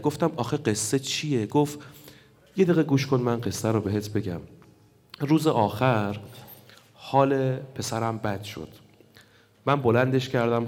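A man's voice: mid-range voice, darkish tone. A man delivering an emotional storytelling sermon at a mourning gathering, retelling a story with quoted dialogue and building to impassioned intensity. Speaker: religious speaker at a mourning gathering. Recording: long hall reverb.

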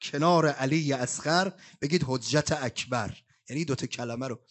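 A man giving a mourning sermon at a religious gathering, switching between quick spoken asides and slow, drawn-out chanted lamentation. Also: mid-range voice. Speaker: eulogist reciting a mourning elegy. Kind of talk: Shia mourning sermon with chanted Arabic recitation. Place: shrine gathering hall.

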